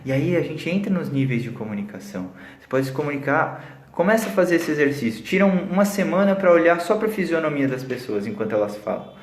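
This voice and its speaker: A man with a Brazilian accent, a psychologist giving a lively live talk on communication and acting out the voices he quotes. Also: a little high, fast talker, roomy sound, a little hiss or hum. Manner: animated, acts out quoted voices.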